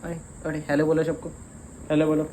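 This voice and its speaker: A man's voice: a little high, completely flat delivery, a little fast, warm tone, a little hiss or hum, rough recording. A young man hosting a casual home-tour vlog, chatty and teasing, talking to his viewers. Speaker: vlogger. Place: small home indoors.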